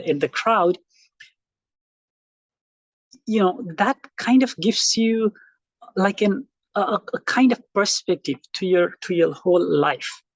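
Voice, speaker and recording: This is a Nepali-accented college instructor, a middle-aged man from Nepal, lecturing his online students in a relaxed, reflective way with plenty of fillers and restarts. His voice is a little high, and the recording carries no room sound.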